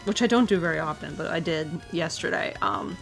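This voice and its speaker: A woman's voice: on the low side, a little fast, vocal fry, faint music behind. A woman co-hosting a livestream in casual, conversational chat. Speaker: livestream co-host.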